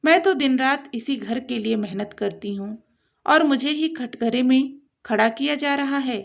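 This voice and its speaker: A woman plays a hardworking young wife in a storybook tale. She speaks earnestly and slowly, her voice fairly high. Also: vocal fry. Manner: earnest, restrained.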